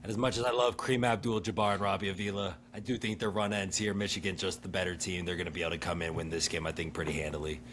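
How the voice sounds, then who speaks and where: A man's voice: low voice, level tone, racing, few pauses, fairly bright tone, a little hiss or hum. A young man co-hosting a casual sports podcast, upbeat and laughing often as he rattles off team stats. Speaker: podcast co-host.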